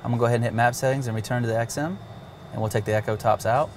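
A medium-pitched man speaks very fast in a steady tone, with a little hiss or hum present. As an avionics demonstrator, he walks viewers through a cockpit navigation system step by step in a casual, plain manner with occasional fillers.

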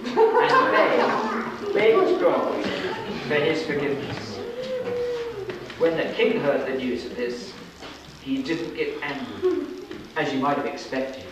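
A somewhat high-voiced, middle-aged man tells a scripted story to children at a puppet show, animated and dramatic yet slow, pausing deliberately. The indoor, classroom-like space is echoey and noisy, recorded from afar by a camera microphone.

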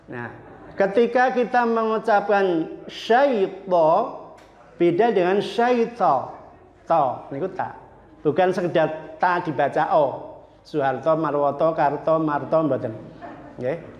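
A man's voice: sits high, a little mellow. A man with a Javanese accent teaching Quran pronunciation, drilling syllables and verses over and over, mixing Indonesian with polite Javanese. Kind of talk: tajwid pronunciation lesson. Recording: echoey hall, dull lo-fi sound.

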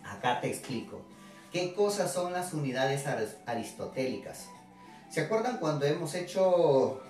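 A man's voice: fairly high pitch, darkish tone. A male teacher giving a chatty literature lesson to his students. He keeps asking rhetorical questions and teasing the class as he talks. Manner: chatty, constantly asks rhetorical questions with tag '¿no?'; addresses students directly, playful and teasing. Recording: very echoey room, distant mic, faint music.

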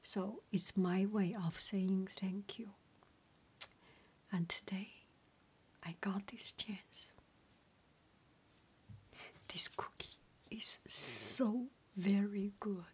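A middle-aged woman whispering a casual ASMR chat as a home cook, halting and often repeating herself in a breathy voice. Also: mid-range voice, steady tone. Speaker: home cook and video creator.

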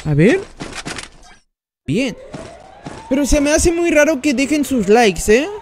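A man's voice: very high-pitched, very animated, slow pace, a little mellow, slight background noise. A man commenting on his mobile gameplay during a live stream, chatting and greeting each viewer by name as he plays. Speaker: gaming streamer.

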